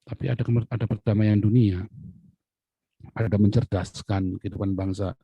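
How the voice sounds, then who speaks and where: A man giving an angry political rant as a channel commentator, swinging between loud outbursts and low muttering. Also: fairly even intonation, normal speed, slightly rough, no room sound, highs cut off.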